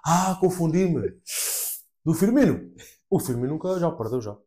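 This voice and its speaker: A man's voice: a little high, lively intonation, normal speed, warm tone. A man with a European Portuguese accent co-hosting a podcast, joking through casual banter. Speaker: podcast co-host. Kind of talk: casual chat.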